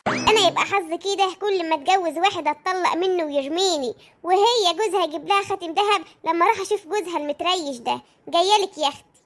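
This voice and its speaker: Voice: extremely high pitch, racing, fairly bright tone. A performer voicing a sly, envious Egyptian makeup lady who often remarries.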